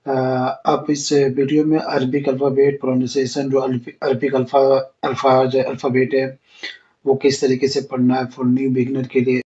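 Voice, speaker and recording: A male Quran teacher giving a beginner lesson on the Arabic alphabet, explaining step by step and drawing out each letter slowly. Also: mid-range voice, monotone, mellow. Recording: dull lo-fi recording.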